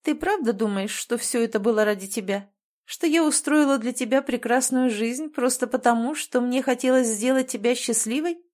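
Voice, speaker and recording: Woman playing a cold manipulative sister, calm, condescending, audiobook. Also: fairly high pitch, moderate pace, voice pushed up, close to an everyday voice. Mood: icy.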